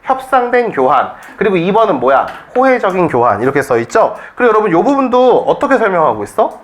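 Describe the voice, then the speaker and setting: Guy teacher lecturing a classroom, high voice, jokey, keeps asking the class questions, bit of background hiss. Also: fast. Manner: lively, joking and rhetorical, quizzing students constantly. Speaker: Korean-language cram school teacher.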